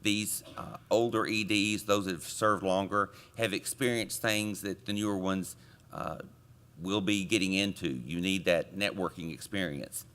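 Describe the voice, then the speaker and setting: A man chairing a committee, delivering a conference report from a podium microphone with relaxed joking asides to the audience. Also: sits low, unhurried. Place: conference meeting room.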